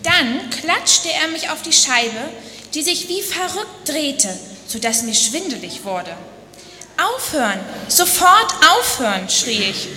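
A woman's voice: high voice, lively intonation, takes it slowly, pushed and bright, roomy sound, in a large hall, slight background noise, exaggerated voice. A woman voicing a long-suffering porcelain box. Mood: pleading. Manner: pleading cries of complaint. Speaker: speaker in a church dialogue sermon. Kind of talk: dramatic first-person storytelling.

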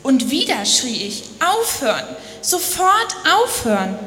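A woman's voice: on the high side, animated, measured pace, a bit bright, reverberant, big-room sound. A woman voicing a long-suffering porcelain box. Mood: pleading. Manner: pleading cries of complaint. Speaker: speaker in a church dialogue sermon. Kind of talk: dramatic first-person storytelling.

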